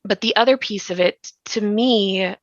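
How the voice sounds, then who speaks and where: A podcast creator and co-host speaks at a measured pace in a mid-range voice during a reflective conversation. She explains her thoughts carefully and repeats points for emphasis. The audio is slightly muffled and roomy.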